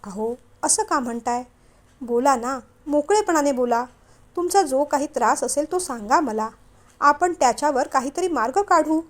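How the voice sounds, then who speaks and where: Earnest young wife, pleading, gentle, high voice, read by a woman storyteller. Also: animated, moderate pace.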